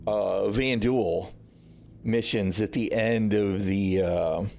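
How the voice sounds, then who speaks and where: A man's voice: on the low side, slow pace, gravelly, a little mellow. A man hosting a gaming livestream, ranting casually with sarcasm and frequent swearing. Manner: frustrated, sarcastic, swears often. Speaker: livestream host.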